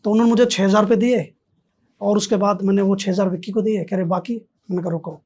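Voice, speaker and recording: Husky man telling a lively story. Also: high-pitched, quick pace. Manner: animated, acts out both sides of dialogue. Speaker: podcast guest. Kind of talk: storytelling in casual conversation.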